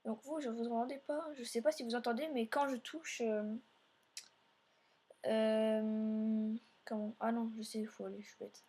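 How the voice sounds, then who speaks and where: Woman, let's play host, slightly higher voice, rambling commentary aimed at viewers. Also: level tone, unhurried, dark tone, husky. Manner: meandering, filler-heavy narration while playing; speaks directly to viewers.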